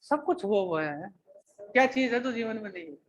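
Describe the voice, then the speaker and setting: A man teaching a classroom grammar lecture, dictating slowly, repeating phrases and checking in with the students again and again. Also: high voice, lively intonation, slight background noise. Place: coaching classroom.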